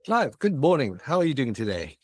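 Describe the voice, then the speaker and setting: A Hong Kong man in his forties, a business founder, chats expansively as a podcast guest in a casual interview. His mid-range voice is sing-song and brisk, with an accent mixing Australian, British and Cantonese, and the studio-quality audio has no echo.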